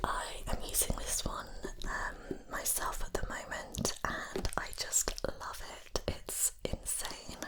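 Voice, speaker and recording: A woman performs a whispered role-play as a spa therapist. Her voice is a soft, breathy whisper, delivered very slowly. The manner is gentle and soothing, as if looking after a client in the chair. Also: rough recording.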